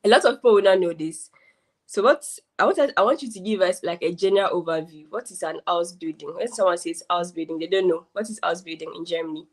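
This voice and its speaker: A woman's voice: lowish voice, fast. A young woman hosting a live interview over a video call, chatty and enthusiastic with lots of "like". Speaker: host. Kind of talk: casual interview.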